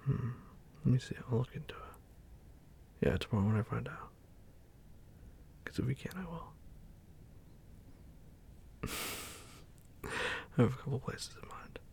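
A man softly murmuring and whispering in an intimate roleplay, soothing a partner back to sleep. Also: medium pitch, lively intonation, slow pace, pauses often. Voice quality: husky and breathy. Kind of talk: whispered boyfriend roleplay ASMR.

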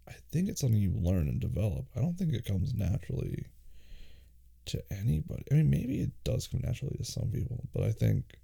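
A man hosting a casual, intimate question-and-answer show, relaxed and soft-spoken, sometimes dropping into a hushed reading voice. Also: lowish voice, creaky, breathy edge. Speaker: podcast host answering listener questions.

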